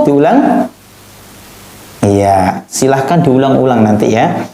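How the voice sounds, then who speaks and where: A man teaching children to read the Quran, speaking with a tinge. He talks slowly, with a lively, swinging pitch, and snaps each drilled syllable out high and pressed. The sound carries a roomy echo. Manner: repeats syllables in sharp, high, pressed demonstrations, then drops low to coach. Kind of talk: slow, drilling reading lesson for children. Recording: echoey room.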